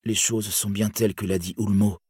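A man voicing a steadfast young human hero, speaking in a firm, measured way. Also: lowish voice, level tone, darkish tone, breathy edge, no echo, clean studio sound, voice pushed up. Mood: resolute.

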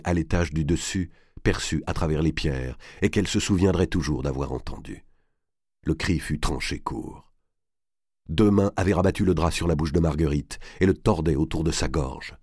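A man with a very deep voice reads a historical novel aloud, measured and dramatic. The sound is dry and close. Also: a little mellow, no echo. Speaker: narrator. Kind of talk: scripted narration of a historical novel.

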